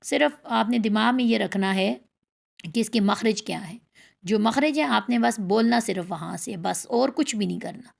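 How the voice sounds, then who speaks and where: A woman teaching a tajweed lesson, repeating letter sounds slowly and drawn out as she explains how to pronounce them. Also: fairly high pitch, vocal fry. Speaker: Quran recitation teacher.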